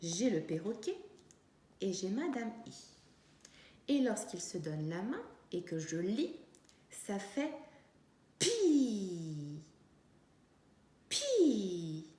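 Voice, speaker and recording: A woman teacher giving a reading and writing lesson to young children, speaking slowly and clearly and stretching out the syllables. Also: medium pitch, mellow. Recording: echoey room.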